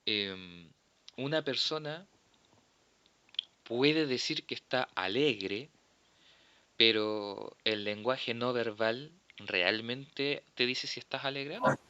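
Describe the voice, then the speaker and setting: A man with a Chilean accent giving a philosophy class, explaining patiently and tagging his points with quick check-in questions. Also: medium pitch, sharp tone, smooth, muffled recording. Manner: explanatory, tags sentences with "¿cierto?". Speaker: philosophy teacher. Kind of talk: classroom lecture.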